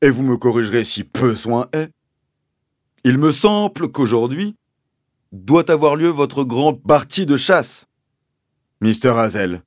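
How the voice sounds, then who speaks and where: A man voicing a pompous, deliberate village police sergeant who speaks slowly and officiously. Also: mid-range voice, expressive, dry recording, clean studio sound, pitched above the performer's own voice.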